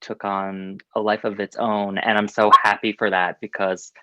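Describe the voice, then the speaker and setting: A man's voice: on the low side, little pitch movement, normal speed, pushed and bright, clean tone, no echo. A man, a drag performer, being interviewed in casual chat, upbeat and laughing often. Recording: dull, dry lo-fi audio.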